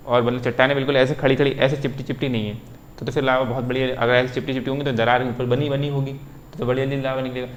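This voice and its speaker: A man's voice: medium pitch, flat delivery, quick pace, muffled recording, slight background noise. A male teacher giving a lesson, explaining step by step and often asking a question and then answering it himself. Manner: repetitive, asks and answers his own questions. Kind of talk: explaining at a whiteboard.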